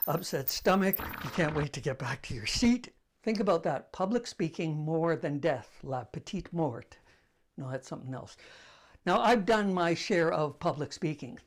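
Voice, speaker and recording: An older man hosts a casual talk to camera, his soft voice on the high side. He tells stories conversationally, with a self-deprecating touch.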